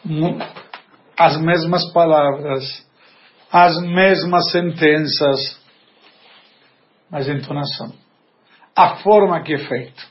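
A man's voice: on the high side, fairly even intonation, takes it slowly, long pauses. A man teaching a religious sermon, telling a joke-like story and asking the audience questions along the way. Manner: tells jokes and acts out dialogue. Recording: dull lo-fi recording.

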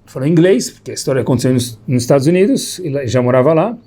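A man's voice: mid-range voice, rapid-fire. A man teaching a Torah class, telling stories and acting out the quoted dialogue as he goes. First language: Hebrew terms mixed in. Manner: animated storyteller, acts out quoted dialogue. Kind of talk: storytelling Torah lesson.

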